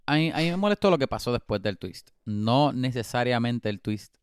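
A man co-hosts a podcast, chatty and teasing as he weighs in on a movie. He mixes English into his freely. His voice comes across smooth and resonant, close and dry. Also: mid-range voice, animated, normal speed, no room sound. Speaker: podcast co-host. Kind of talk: casual film-review chat.

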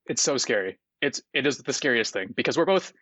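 A man of about thirty, a startup founder, talks in a relaxed, rambling way full of fillers, often laughing as a guest in an interview. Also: medium pitch, brisk, dry recording, highs cut off. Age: 30s. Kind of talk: casual interview chat.

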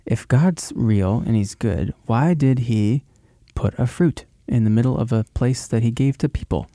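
A man's voice: mid-range voice, unhurried, warm tone, no room sound. Man, podcast host, earnest, casual, dry close sound. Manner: earnest, laughs easily. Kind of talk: casual chat.

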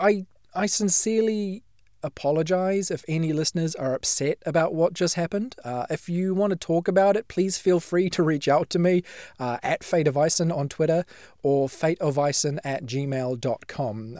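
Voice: mid-range voice, a little mellow. A game master hosting and narrating a tabletop role-playing podcast. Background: background music.

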